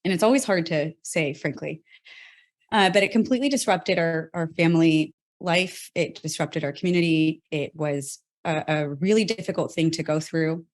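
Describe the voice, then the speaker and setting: A woman from South Texas, a company co-founder, telling her personal story in an interview, earnest and pausing as she restarts on hard memories. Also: low voice. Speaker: healthtech company co-founder, guest.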